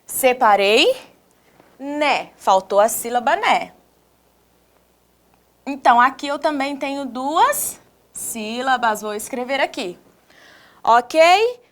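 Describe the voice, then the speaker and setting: A woman with a Brazilian Portuguese accent teaching young children in a recorded video lesson, sounding words out slowly, syllable by syllable, and asking the viewers questions in an encouraging, sing-song teacher voice. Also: high voice, very animated, a bit bright. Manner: slow, exaggerated syllable-by-syllable pronunciation with questions to the viewers.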